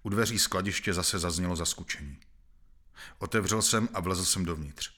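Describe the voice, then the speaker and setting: A man narrating a novel in the first person, reading in a measured, grave manner. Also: deep voice, bright, forceful tone.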